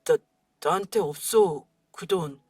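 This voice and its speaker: A woman's voice: fairly low pitch, slow pace, a little mellow, breathy edge, dry recording, studio quality, soft background music, pitched below the performer's own voice. A woman voicing a weak grown son and husband who stammers and pleads, in a dramatized radio story. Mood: stammering.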